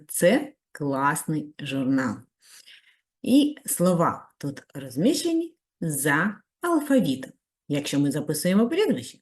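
In this video lesson, a woman teaching primary schoolers walks the children through tasks one step at a time. She praises them warmly, her highly lively pitch rising high each time.

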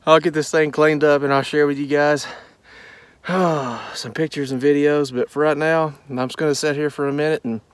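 A man's voice: fairly high pitch, steady tone, normal speed, clean tone, no echo. A man hosting a relic-hunting vlog, talking earnestly to viewers as he digs outdoors. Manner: talks to viewers while digging, earnest and devout. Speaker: relic hunter, channel host. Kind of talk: casual outdoor dig vlog narration. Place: outdoors in the woods or fields.

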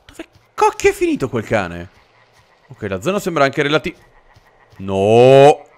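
A man hosting a let's play, narrating his gameplay with jokes and loud, animated exclamations. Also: medium pitch, unhurried. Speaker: gaming channel host.

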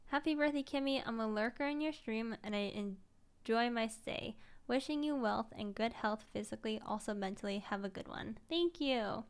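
A young woman streams from her desk mic, casually reading viewer messages aloud. She sounds tired but gushing and emotional, with a voice pitched a little high, and now and then drops to a soft whisper. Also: normal speed, clean tone.

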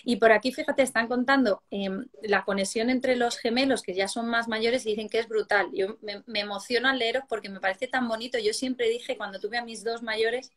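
A woman hosts a relaxed interview. Her voice sits a little high, and she talks in a chatty, animated way, full of anecdotes. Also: moderate pace, hardly any pauses. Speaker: host. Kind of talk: casual chat interview. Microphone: video call.

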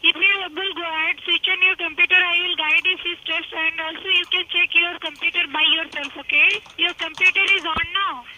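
A woman giving a scripted call-centre pitch over a noisy phone line, often checking in with an "okay?". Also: fairly even intonation, fairly quick, hardly any pauses. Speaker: call centre telemarketer posing as computer support. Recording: noisy, band-limited telephone line.

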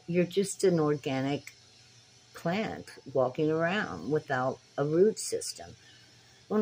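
Older woman, 60s, low-voiced and unhurried, earnest direct-to-camera vlogger on a phone mic, faint background hiss. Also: warm tone, poor audio. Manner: earnest, preacher-like, addresses viewers directly. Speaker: spiritual tarot vlogger. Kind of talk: casual talk to camera. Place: small dim room indoors. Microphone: phone camera at arm's length.

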